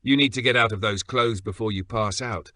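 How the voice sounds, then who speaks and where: Tough female park ranger, read by a man, brisk and commanding, lowish forceful delivery. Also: no echo.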